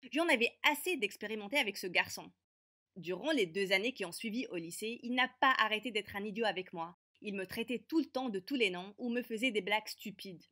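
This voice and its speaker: A woman voicing a feisty teenage girl who narrates an animated story with brisk, sarcastic wit. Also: mid-range voice. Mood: sardonic.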